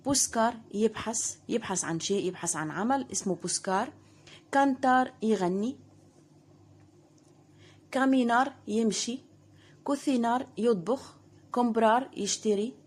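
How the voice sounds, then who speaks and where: A woman's voice: mid-range voice, darkish tone. Egyptian woman, online language teacher, patient and methodical. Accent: Egyptian Arabic. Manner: patient, repeats each word and meaning slowly. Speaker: Spanish teacher.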